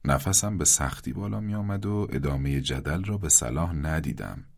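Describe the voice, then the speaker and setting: A man narrating a satirical story in a mock-formal tone with hushed asides. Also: rumbling low, animated, gravelly.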